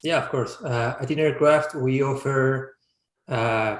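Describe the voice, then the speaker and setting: A man in his thirties from Peru, a startup founder, answering interview questions reflectively and often pausing to restart his sentences. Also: mid-range voice. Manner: reflective, searching for words with frequent restarts. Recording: roomy, echoey sound.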